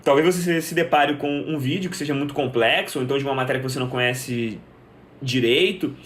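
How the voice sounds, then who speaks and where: A man's voice: mid-range voice, fast, fairly bright tone, slight background noise. A young man teaching in a live stream, answering viewers' questions and explaining step by step, often asking a question and then answering it himself. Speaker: English teacher.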